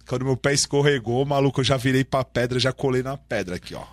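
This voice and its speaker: A man telling a story to friends in casual chat, animated and slangy, acting out the dialogue. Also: mid-range voice, fast talker.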